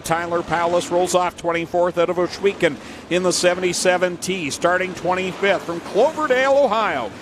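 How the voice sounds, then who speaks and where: A man giving motorsport play-by-play commentary as a race announcer with a projected delivery. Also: high voice. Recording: noisy outdoor trackside with vehicle engines. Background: race cars and outdoor ambience.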